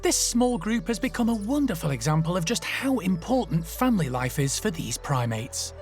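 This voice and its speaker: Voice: mid-range voice, big pitch swings, normal speed, soft background music. A documentary narrator reading scripted nature documentary narration about animals.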